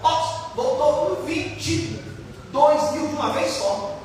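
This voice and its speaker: A man preaching a lively sermon as a pastor, asking the crowd questions and acting out quotes. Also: very high voice, slow pace, slight background noise. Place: church hall. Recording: echoey hall from far off, faint ambience.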